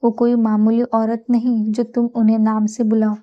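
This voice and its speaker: A woman's voice: a little high, completely flat delivery, moderate pace, dull audio, close to an everyday voice. A woman voicing a teasing, domineering young royal husband in a storybook reading, with a commanding manner.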